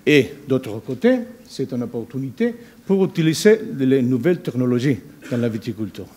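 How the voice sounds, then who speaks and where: A non-native speaker from Spain with a Spanish accent, this man gives a conference presentation as a researcher, halting and searching for words in foreign-accented speech. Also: mid-range voice, big pitch swings, warm tone. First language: not a native French speaker. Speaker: university researcher giving a presentation.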